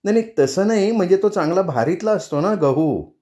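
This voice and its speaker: A man voicing a sharp-tongued, quarrelsome young daughter-in-law in a novel reading. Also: sits high, lively intonation, a little fast, voice pushed up. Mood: sulky. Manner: sulky, argumentative.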